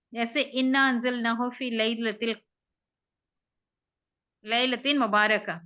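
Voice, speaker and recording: Bright-voiced female student reading aloud. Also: on the high side, muffled recording. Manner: steady reading, short replies to teacher. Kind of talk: reading a lesson aloud and answering.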